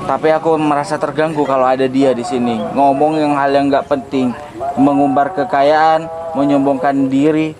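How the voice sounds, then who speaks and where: A man's voice: mid-range voice, flat delivery, moderate pace, a crowd in the background. A man playing a blunt villager in a comedy skit, talking dismissively. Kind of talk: amateur comedy skit acting.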